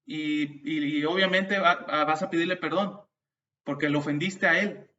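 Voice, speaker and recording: A man's voice: on the high side, moderate pace. A man preaching a sermon, telling stories and turning to the congregation with asides. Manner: storytelling, animated, with restarts and asides to the congregation. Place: church. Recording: distant, dull mic sound.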